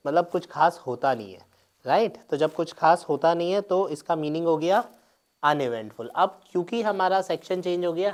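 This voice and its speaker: A man's voice: on the high side, a little mellow. Guy teacher going thru exam answers, hindi and mixed, keeps saying "right". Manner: explains step by step, mixing Hindi and English, with frequent check-ins. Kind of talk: exam paper explanation lecture.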